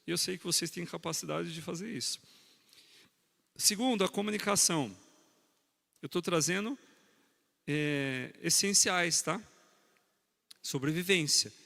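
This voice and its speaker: A man preaching a sermon on marriage, animated, teasing his congregation and speaking to them directly. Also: on the high side, measured pace, vocal fry, long pauses, long reverb tail.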